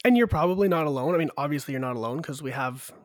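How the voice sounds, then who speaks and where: A man co-hosting a podcast while he has a cold, chatting casually and running through survey numbers upbeat. His voice sits on the high side, animated and racing. The recording is clean studio sound with no room sound.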